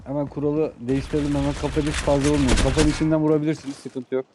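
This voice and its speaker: A young man commentating a team shooter game live, excitedly urging and ordering his teammates. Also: fairly high pitch, quick pace, heavy background noise. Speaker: gaming YouTuber. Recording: gunfire from the game behind the voice.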